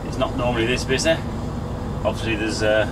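A man from England driving a logging truck, giving a relaxed, matter-of-fact running commentary from inside the cab. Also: fairly low pitch, fairly quick. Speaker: log truck driver. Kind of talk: casual narration while driving. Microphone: camera on the dashboard. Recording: loud engine noise in truck cab.

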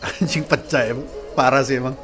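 A man in his thirties, a sound engineer, gives casual and excitable reaction commentary from a small room at home, packed with slang exclamations. His voice is mid-range at normal speed, with faint music playing in the background.

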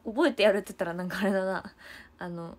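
A woman's voice: mid-range voice, fast talker, slight background noise. A young woman with a chatting casually to fans on a livestream, giggling often.

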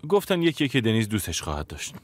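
A man's voice: on the low side, wildly swooping pitch. A man dubbing a polite household servant in a TV drama, speaking in a respectful, deferential way. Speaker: dubbing actor. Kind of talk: dubbed TV drama. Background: faint background music.

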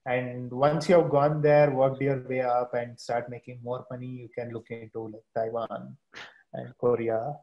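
A young man with an Indian accent talks casually as a podcast guest on a video call. His pitch is average, and he explains things in a halting way with repeated starts. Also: flat delivery, highs cut off. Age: young adult. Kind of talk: casual travel chat. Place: room at home, video call.

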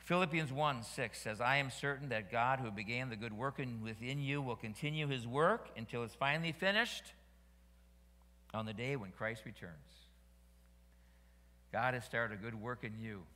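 Male pastor, bright tone, sermon delivery with repetition, church reverb. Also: mid-range voice, animated, moderate pace. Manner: preaching with rising emphasis, repeating phrases. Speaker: senior pastor. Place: church sanctuary. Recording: long reverb of a church hall.

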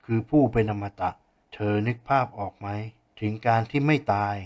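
A man voicing a kindly, patient older teacher who explains things gently in an audiobook story. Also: fairly low pitch, normal speed, lightly acted. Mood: gentle.

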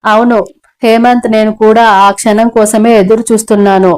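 A woman reading an audio novel, speaking the lines of a lonely, weary woman in a wistful, quietly bitter way. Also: fairly high pitch, little pitch movement, moderate pace, lightly acted.

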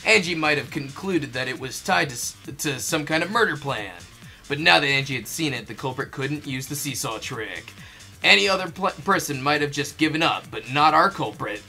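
A fandub performer reads a game script as narration, mixing in casual joking chat and playful asides, and is quick to laugh. The voice is mid-range with lively intonation, creaky, pushed and bright, with soft music in the background.

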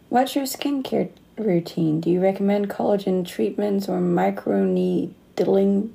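Her medium-pitched voice is creaky and mellow, unhurried, and captured in a low-quality recording. She's a Danish woman in her late twenties with a slight Australian accent, hosting a casual livestream from her phone indoors, phone near her face, reading comments and laughing often.

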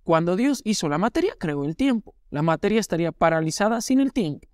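An enthusiastic man reads a children's dialogue aloud, giving each quoted line some feeling. His voice is high for a man and recorded close and dry. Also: sing-song, brisk, clean tone, no room sound. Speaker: co-host. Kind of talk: casual chat, reading a dialogue aloud.

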